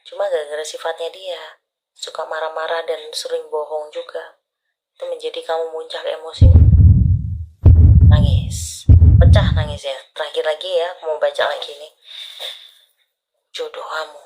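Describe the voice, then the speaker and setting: A woman's voice: deep voice, level tone, normal speed, long pauses, darkish tone, poor audio. A woman doing palm readings for a caller on a live stream, talking intimately and often dropping to a whisper. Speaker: palm reader.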